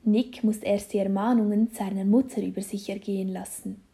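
A woman reading a children's story aloud, slow and deliberate. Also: mid-range voice, fairly even intonation, vocal fry, warm tone.

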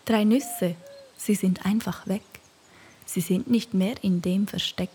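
Woman reading a children's rhyming tale; airy, half-whispered, unhurried. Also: mid-range voice, steady tone. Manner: soft, breathy, half-whispered storytelling. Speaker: narrator.

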